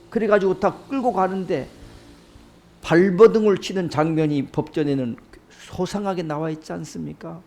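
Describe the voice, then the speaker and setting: A man preaching a sermon in an animated way, often tossing rhetorical questions to his listeners. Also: high-pitched, vocal fry.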